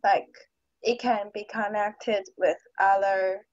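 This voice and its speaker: Hesitant teen girl, slow muffled video call. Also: medium pitch, fairly even intonation, darkish tone, no echo. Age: teens. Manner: hesitant, searching for words, many "like"s. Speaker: high school student. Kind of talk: class discussion in English. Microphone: computer mic on a video call.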